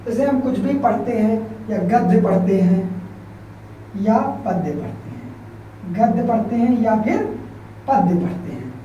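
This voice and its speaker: A man teaching a Hindi grammar class, asking questions and answering them himself, repeating key terms slowly as he writes. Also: high-pitched, lively intonation, mellow, lo-fi sound. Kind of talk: classroom lecture explaining at a board. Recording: very echoey room, mic far off, faint background hiss.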